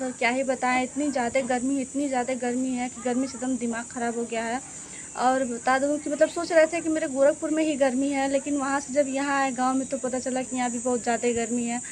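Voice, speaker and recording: Woman in her 30s, Bhojpuri-tinged Hindi, higher voice, flat delivery, phone-recorded outdoors with faint noise, chatty vlogger. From eastern Uttar Pradesh, India. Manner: chatty, repeats "what to say" often. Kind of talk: casual vlog chat. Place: outdoors at a village home.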